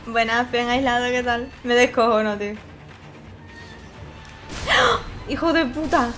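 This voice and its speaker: A woman's voice: fairly high pitch, fairly quick, a bit bright. Spanish-accented woman streaming a game. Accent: Spanish from Spain. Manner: swearing, exclaiming and laughing at the game. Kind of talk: casual gameplay commentary. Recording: faint game music behind.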